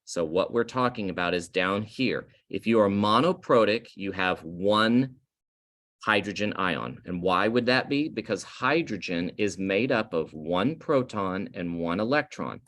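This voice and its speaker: A male chemistry teacher giving a recorded lecture over slides, explaining slowly, stressing key terms and correcting himself as he goes. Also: lowish voice, animated, fairly bright tone.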